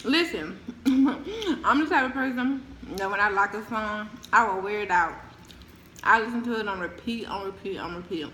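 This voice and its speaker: A woman's voice: mid-range voice, normal speed, pushed and bright. American woman chatting through crunchy snacks, roomy echo. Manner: chatting between bites while crunching chips and ice; informal, repeats phrases for emphasis. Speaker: mukbang vlogger. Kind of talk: casual chatty eating show. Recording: roomy echo, faint background noise.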